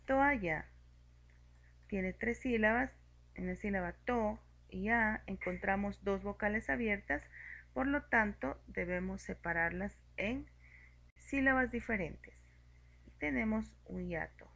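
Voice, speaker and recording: A woman teaching a grammar lesson, explaining each example slowly and clearly. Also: medium pitch, a bit bright. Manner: slow, clear and methodical, spelling out examples.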